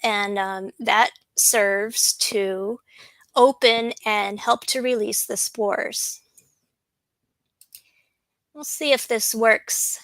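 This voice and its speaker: High-voiced woman giving a slide lecture. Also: fairly even intonation, a bit bright, no room sound, poor audio. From USA. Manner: unhurried, with frequent ums and restarts. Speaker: botanist giving a presentation.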